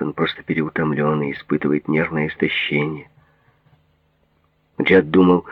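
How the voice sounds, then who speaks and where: A man narrating a detective novel as an audiobook in a steady, expressive reading. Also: rumbling low, slightly rough, dry recording. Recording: thin phone-like audio.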